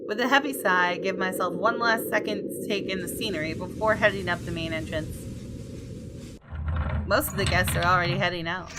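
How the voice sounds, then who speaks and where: A woman with a lowish voice reads out a visual novel's story expressively, dropping in her own relaxed commentary as a gamer would. Heavy background noise surrounds her, along with faint, soft game music.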